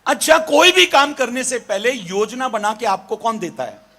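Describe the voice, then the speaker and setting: A male pastor preaching a sermon, animated and questioning his congregation. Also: very high voice, moderate pace. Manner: animated, calls on listeners with questions.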